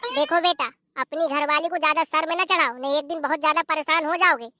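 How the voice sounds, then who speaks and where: Someone voicing a shrill, foul-mouthed old cartoon mother-in-law. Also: fairly even intonation, fast talker, pushed and bright, no echo, studio quality. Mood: complaining. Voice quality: cursing, scolding, threatening. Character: sharp-tongued old village mother-in-law. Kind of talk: cartoon voice acting.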